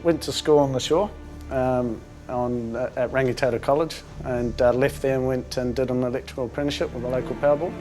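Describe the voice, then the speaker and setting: A man born in England talking casually about himself as an amateur boxer, hesitant, with many pauses and fillers. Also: mid-range voice, fairly even intonation, darkish tone. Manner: hesitant, many ums and uhs. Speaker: amateur boxer in a charity fight. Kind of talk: casual interview talk. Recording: music playing underneath.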